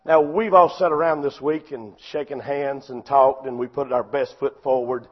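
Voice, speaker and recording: A man preaching a sermon, impassioned and often shouting, with a repetitive preaching cadence. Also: medium pitch, fairly even intonation, moderate pace, dull audio.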